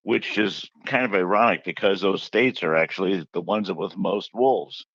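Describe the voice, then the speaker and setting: A man with a very low voice tells his stories in a chatty, anecdotal way and acts out the quotes as he goes. The sound is dull and muffled, close and dry. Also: normal speed, a bit bright, breathy edge, no echo. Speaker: author interviewed about his book. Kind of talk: casual interview storytelling.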